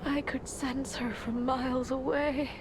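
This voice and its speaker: A woman's voice: sits high, level tone, measured pace, background noise. A woman playing a grieving, deluded woman who tenderly dotes on a puppet baby, in a fragile, half-whispered video game performance. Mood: tearful longing.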